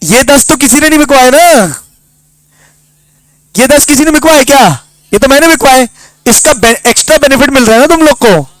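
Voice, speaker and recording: A woman teacher giving a lively lesson, telling stories and firing quick questions at her students. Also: high-pitched, no room sound, rough recording. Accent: Hindi. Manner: storytelling with rapid-fire questions to students. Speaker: commerce teacher.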